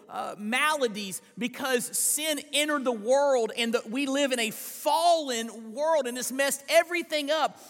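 High-voiced pastor preaching in a reverberant church. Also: male voice, fairly bright tone. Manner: earnest preaching with rhetorical questions and scripture quotes. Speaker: senior pastor. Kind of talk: live church sermon. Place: church sanctuary.

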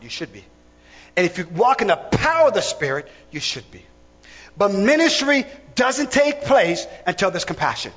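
A man's voice: high-pitched, fairly bright tone, husky, in a large hall, highs cut off. A man preaching a sermon to a congregation, building to emphatic repeated lines.

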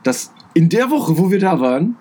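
A young man with a northern German accent, co-hosting a casual podcast, telling stories animatedly and jumping high in pitch when he quotes people. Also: normal speed, husky. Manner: animated storyteller, acts out quotes with sudden high pitch jumps. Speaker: podcast co-host. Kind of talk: casual chat.

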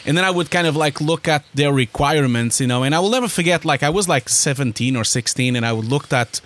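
A Portuguese man, a guest on a podcast, recounts his story in casual interview chat. He talks fast in a rather high voice, animated and rambling, often restarting his sentences.

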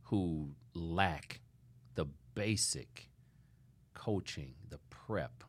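A man hosting a studio interview podcast, speaking emphatically and warmly to his guest. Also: low voice, lively intonation, drawn-out words, a little hiss or hum. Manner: warm, emphatic, calls guest "sister". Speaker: podcast host.

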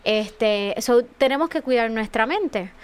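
Earnest, smooth-voiced woman. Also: fairly high pitch, animated, slow. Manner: emotional, earnest storytelling with many fillers. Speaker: guest author and speaker. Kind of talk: personal testimony in a radio talk.

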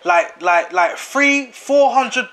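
A man talks in a high, light voice. He is animated and slangy, and he repeats phrases for emphasis in a casual podcast chat. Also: slow.

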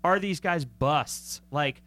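A man's voice: on the high side, slow pace, fairly bright tone. A man co-hosting a sports talk show, analyzing football in a chatty, joking way and often correcting himself mid-sentence. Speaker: sports podcast co-host.

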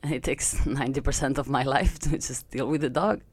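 A woman in her thirties in a relaxed podcast conversation. She talks bluntly, with wry self-mockery. The recording is close and free of room sound. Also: very deep voice, fairly quick, breathy edge, no room sound. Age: 30s. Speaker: podcast co-host. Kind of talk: casual chat.

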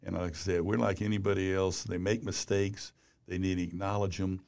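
A gravelly older man in his sixties, a publisher looking back on his career in an easygoing interview. His voice sits fairly low, and he rambles loosely, filling the gaps with "you know". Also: little pitch movement, brisk, darkish tone. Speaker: business publisher and columnist. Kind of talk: casual interview talk.

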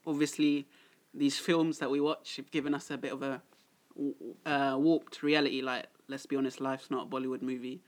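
A man's voice: mid-range voice, little pitch movement, normal speed. A young man, steering a casual discussion as podcast co-host. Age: young adult.

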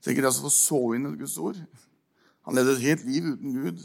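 An older man giving an informal sermon, telling a personal story with halting speech, repeated words and fillers before closing in prayer. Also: medium pitch, gravelly. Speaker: preacher.

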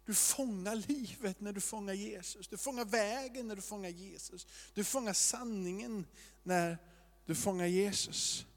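A man preaches a sermon, his voice pitched a little high for a man. He wanders between muttered asides and swelling, repeated declarations. The sound carries a long church-hall reverb. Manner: loose and searching, with shifts between quiet asides and rising emphatic repetition. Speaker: pastor.

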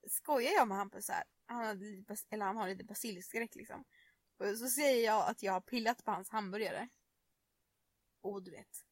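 High-voiced young woman, animated storyteller. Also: dry recording. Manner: animated storyteller, laughing, swearing. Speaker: podcast co-host. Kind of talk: casual chat.

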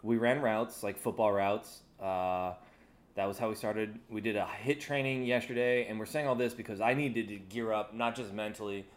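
A man's voice: lowish voice, steady tone, moderate pace. A young man co-hosting a casual podcast, joking around and swearing freely. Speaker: podcast co-host. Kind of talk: casual chat.

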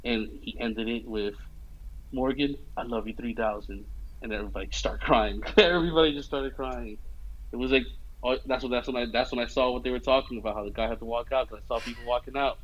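Talking fast in a mid-range voice, a young movie fan casually recaps a film scene by scene. He's animated and uses tons of fillers and "you know what I mean" check-ins, and the recording comes across muffled.

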